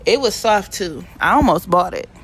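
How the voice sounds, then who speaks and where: Her voice is medium-pitched, animated, a bit bright and slightly rough, at normal speed. She's a vlogger with a stuffy, sniffly cold, playfully narrating a casual shopping vlog in slang from her home.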